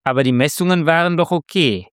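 A man voicing a quietly anxious male factory worker who gives brief, reassuring replies, in a read-aloud story. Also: on the high side, a little fast, clear, resonant tone, dry recording, clean studio sound, natural voice.

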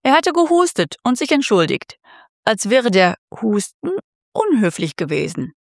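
A woman narrating a story in a measured, expressive way. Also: fairly high pitch, creaky, no echo, studio quality. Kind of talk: scripted narration.

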